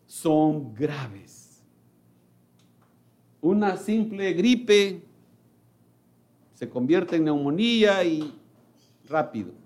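A man preaching a sermon who addresses his listeners directly as brother and swings between loud calls and hushed remarks. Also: high voice.

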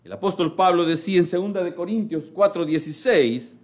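A man preaching a sermon, emphatic and acting out the voices of people in his stories. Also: a little fast. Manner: emphatic, with big swings in pitch and loudness.

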